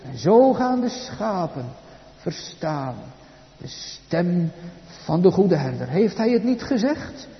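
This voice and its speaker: Slow, solemn preaching man in echoey church. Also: big pitch swings. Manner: slow, solemn preaching with dramatic swells in pitch and volume. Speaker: pastor. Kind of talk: sermon. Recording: echoey church hall, dull sound.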